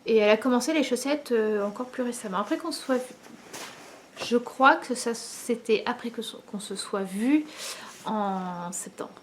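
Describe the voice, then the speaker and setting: A woman, likely in her thirties, chatting casually to the camera at home as host of a knitting video, pausing often with many fillers. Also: fairly high pitch, slight background noise. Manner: hesitant, many pauses and fillers.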